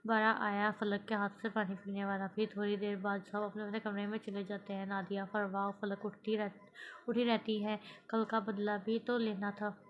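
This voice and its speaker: A woman reading a romance novel aloud in a plain, even storytelling manner. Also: medium pitch, normal speed, dull audio. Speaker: novel reader.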